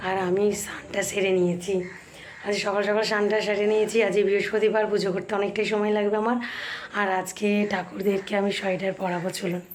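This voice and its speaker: A woman, talking chattily to her viewers in a home vlog while hoarse from a cold. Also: medium pitch, level tone, fast. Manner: chatty, homely, addresses viewers as friends. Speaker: family vlogger. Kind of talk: casual home vlog talk.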